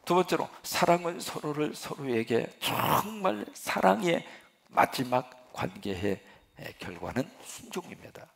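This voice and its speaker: A male pastor preaches with a deeply gravelly, fry-laden voice. His pitch rises and falls in a lively way as he poses rhetorical questions and answers them. The delivery is animated and earnest. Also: a little slow. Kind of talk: sermon.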